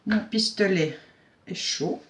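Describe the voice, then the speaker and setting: A woman's voice: mid-range voice, slow. Woman, chatty craft tutorial, talks through every step, homely, self-mocking. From Belgium. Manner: chatty and homely, narrating each step while working, with frequent fillers.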